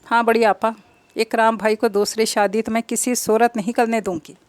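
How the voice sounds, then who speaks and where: A woman's voice: on the high side, little pitch movement, moderate pace, no room sound, natural voice. A woman reading aloud, voicing a bold, determined young woman who reassures her older sister firmly. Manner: firm, reassuring.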